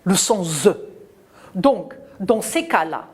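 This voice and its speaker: A woman's voice: lowish voice, animated, slow, husky. A woman primary school teacher giving a televised French lesson to children, speaking emphatically and repeating words and sounds so young pupils can follow. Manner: sing-song, encouraging teacher talk.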